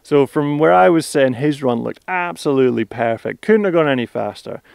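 A man's voice: medium pitch, lively intonation, fairly quick, vocal fry, darkish tone, no echo, clean studio sound. A man with a Scottish accent hosting a casual race recap, chatty and upbeat with plenty of slang. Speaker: host.

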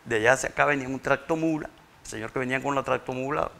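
A grieving father, telling his story in a halting, tearful interview and repeating words when overcome. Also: medium pitch, vocal fry, sharp tone. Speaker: interview guest, bereaved father. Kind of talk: emotional interview testimony.

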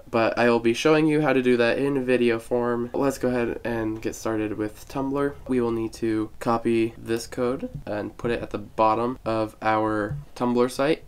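Medium-pitched, slightly mellow, and clean in tone, this young man is recovering from a cold as he walks through a website tutorial step by step. The screen-recorded lesson is casual, sprinkled with self-deprecating remarks from the host.

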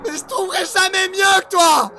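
A man acting an emotional young boyfriend in an audio drama, easily exasperated and expressive. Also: mid-range voice, normal speed, soft background music, lightly acted. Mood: anguished, pleading. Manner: expressive, swinging from soft narration to anguished cries.

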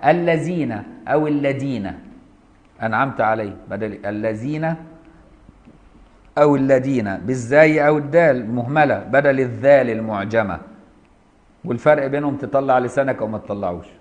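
A man with an Egyptian accent teaching a classical legal text, reading it aloud and explaining it in colloquial speech, slowly sounding out example words. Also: mid-range voice, muffled recording. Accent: Egyptian Arabic. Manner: reads classical text, then explains in colloquial dialect, voicing pronunciations slowly. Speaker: Islamic jurisprudence teacher.

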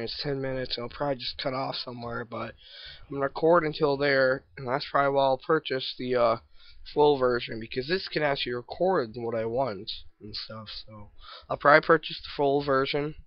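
A man's voice: medium pitch, steady tone, a little fast, no echo, lo-fi sound. A man casually commenting over his own gameplay, rambling and self-deprecating, with hiccups and yawns. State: hiccups and yawning. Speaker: gameplay video maker.

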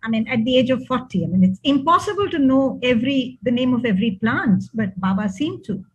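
A woman's voice: sits high, expressive, a little fast, slightly rough. An older woman with an Indian accent giving an informal speech of thanks and reminiscence over a video call. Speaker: speaker giving thanks and family memories. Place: indoor room, on a video call. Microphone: computer mic on video call. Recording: dull video call audio.

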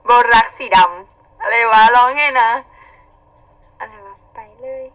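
A young woman with a husky, slightly raspy voice chats playfully and giggles on a casual live stream. She speaks unhurriedly with a bright, fairly high tone. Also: fairly even intonation, slow, slight background noise, poor audio. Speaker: idol singer on a live stream. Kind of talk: casual live-stream chat reading viewer comments.

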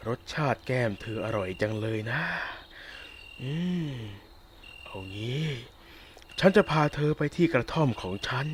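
Soft, teasing and quietly menacing, a man lightly acts a sadistic, possessive werewolf who taunts a captive listener in a roleplay audio drama. His mid-range voice is expressive and unhurried. A little hiss or hum sits in the background.

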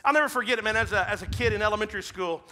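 A man in his thirties with a Midwestern American accent, preaching a sermon from a church stage, swinging between loud emphatic calls and hushed, near-whispered lines. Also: high-pitched, racing, a little hiss or hum. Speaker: pastor. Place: large church stage with blue-lit backdrop.

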